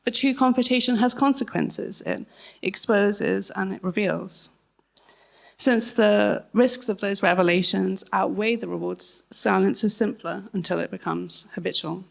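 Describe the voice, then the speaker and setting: At a book launch, a woman in her thirties reads her own essay aloud in a creaky, mid-range voice. Her reading is measured, broken now and then by chatty asides.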